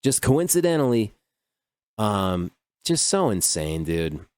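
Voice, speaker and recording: Alone on his podcast, this host comments casually on the news, rambling and swearing freely and saying "dude" and "like" constantly. His fairly low, slightly mellow voice swings widely in pitch and moves at a slow pace, captured in a dry, clean studio recording.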